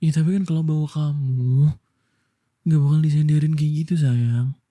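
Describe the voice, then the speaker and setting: A man from Indonesia doing a whispered boyfriend role-play, soft and coaxing as he soothes his partner. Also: on the high side, fairly even intonation, normal speed. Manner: soft, coaxing, affectionate toward listener.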